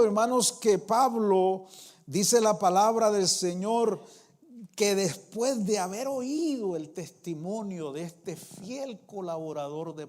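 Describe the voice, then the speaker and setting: A man's voice: high voice, darkish tone. A middle-aged male pastor preaching a sermon in a church, with emphatic rising phrases and constant asides to the congregation. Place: church sanctuary.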